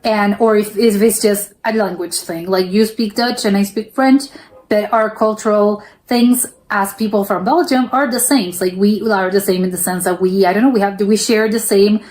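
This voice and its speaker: A woman's voice: medium pitch, fairly even intonation, normal speed, darkish tone. An American woman hosting a reaction video, thinking aloud in casual commentary full of fillers and restarts. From United States.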